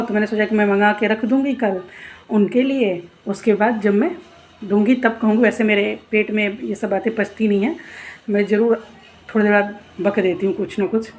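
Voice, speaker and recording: A woman's voice: medium pitch, darkish tone. A woman vlogging casually at home, telling stories in a chatty way and playing out her husband's lines as she goes. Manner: chatty storytelling, acts out husband's quoted lines. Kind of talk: casual vlog chat. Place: home room facing a noisy street. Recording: faint street noise behind.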